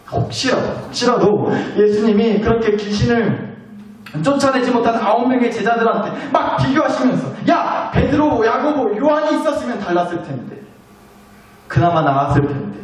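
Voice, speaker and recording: A male pastor preaches in a high, swooping voice that leaps up and down as he presses each point. He repeats his key lines with growing insistence. The sound is picked up from well back in a boomy church hall. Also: a little mellow. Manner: emphatic, repeats key phrases with rising insistence. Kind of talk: sermon. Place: church sanctuary. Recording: echoey hall, distant mic.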